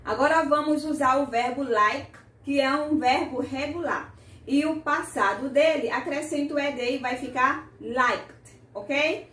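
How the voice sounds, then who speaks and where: A woman teaching an English grammar lesson, saying example sentences slowly and carefully and repeating them for the learner. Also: sits high, a bit bright, reverberant, distant mic.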